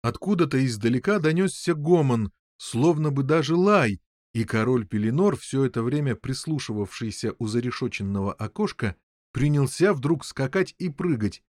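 A man narrating an audiobook with expressive storytelling. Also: medium pitch, normal speed, no room sound, studio quality. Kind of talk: scripted narration.

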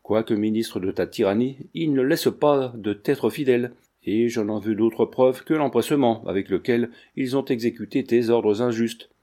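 A man voicing a calm, defiant young peasant who speaks in a steady, unmoved way. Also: mid-range voice, moderate pace, hardly any pauses, lightly acted.

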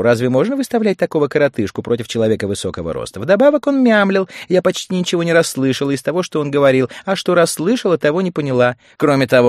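A man's voice: fairly high pitch, dry recording, clean studio sound, pitched above the performer's own voice. A man voicing a chatty, indignant middle-aged housewife in a gossipy, prattling manner.

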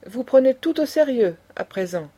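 A woman's voice: a little high, lively intonation, moderate pace, dark tone, husky. A woman voicing an indignant aristocratic old grandmother who lectures with passion. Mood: impassioned. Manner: impassioned, lecturing.

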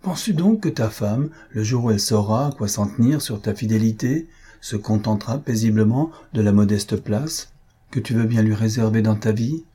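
A man reading aloud, voicing an elderly mother who chides her son in a husky, dark voice. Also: on the low side, normal speed. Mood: reproachful. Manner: wry, chiding. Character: elderly dowager mother, worried, reproachful.

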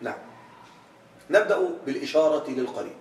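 A man teaching an Arabic grammar lesson in a classroom, quizzing his students with questions and stretching out words slowly for emphasis. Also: a little high, lively intonation. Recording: echoey room, from far off.

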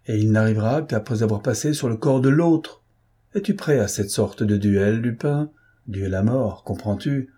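A man reads as a brutal baron, all menace and insistence, his voice low and husky. He pushes his threats without letting up. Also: moderate pace, warm tone. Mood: menacing.

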